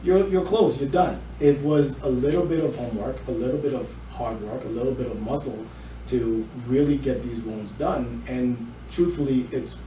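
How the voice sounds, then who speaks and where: Speaking with a warm, medium-pitched voice at a moderate pace, a middle-aged mortgage loan officer is interviewed about his job in front of a small indoor audience. A distant microphone picks him up in an echoey space with some faint noise.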